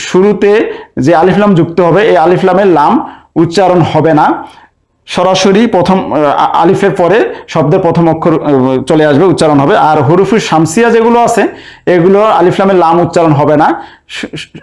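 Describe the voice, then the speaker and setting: High-voiced man explaining step by step. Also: a little mellow. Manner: methodical, repeats each step, with hesitations. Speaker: Arabic teacher. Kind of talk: recorded lesson walkthrough.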